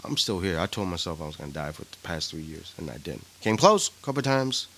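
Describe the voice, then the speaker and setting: A man's voice: low voice, very animated, fairly quick, a bit bright, a little hiss or hum. A man co-hosting a podcast, talking candidly and from the heart, often repeating himself. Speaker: podcast co-host. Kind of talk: casual chat.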